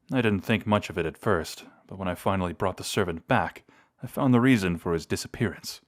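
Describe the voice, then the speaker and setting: Formal and measured, a low-pitched man reminisces as a brooding, polite vampire talking to a love he has lost, all within an intimate audio roleplay.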